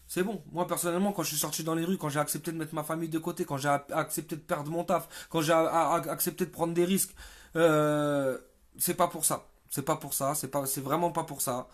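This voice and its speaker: High-voiced male activist on a livestream, fed up, stumbling over repeated words. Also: fairly even intonation. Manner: halting, repeats words, exasperated. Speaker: protest activist. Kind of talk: livestream monologue.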